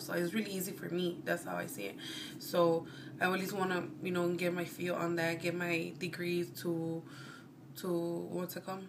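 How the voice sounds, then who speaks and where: Talking to camera against a noisy background, this Chicago vlogger in her 20s has a fairly low pitch and a Mexican American accent. Her chat is casual and wandering, with frequent self-corrections.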